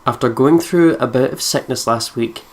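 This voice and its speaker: At a moderate pace, this Scottish let's-play host speaks in an extremely low, somewhat mellow voice. Her commentary is chatty and full of laughter and swearing, and she reads on-screen game text aloud as she goes.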